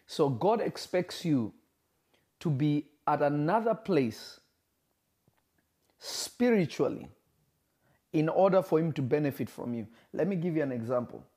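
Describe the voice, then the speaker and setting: Delivering a sermon over livestream, this Kenyan man calls out to viewers by name. He is animated and emphatic, with a fairly high pitch and dark tone, repeating phrases and slowing to stress key points.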